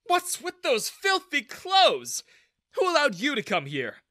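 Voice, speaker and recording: A man voicing an arrogant, sneering male bank manager who mocks in a loud, drawn-out way. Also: very high voice, huge pitch swings, no echo, clean studio sound, pitched above the performer's own voice, heavily acted. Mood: scornful.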